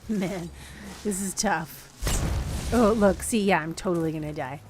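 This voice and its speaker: Woman, game streamer, unhurried, casual, laughs often, talks to chat. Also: lowish voice, music in the background. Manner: chatty, laughing, thinking aloud. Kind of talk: casual gameplay commentary to chat.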